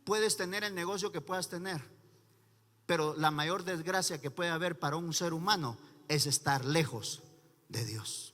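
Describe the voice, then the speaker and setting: A man's voice: a little high, moderate pace, sharp tone. A man preaching a sermon as pastor, emphatic, calling church members by name. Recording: reverberant hall with faint music.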